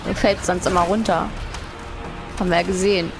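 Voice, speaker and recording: A woman's voice: fairly low pitch, fairly even intonation, brisk, creaky. A woman doing casual let's play commentary, playfully thinking aloud and exclaiming as she goes. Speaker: gaming host. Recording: game music and effects behind.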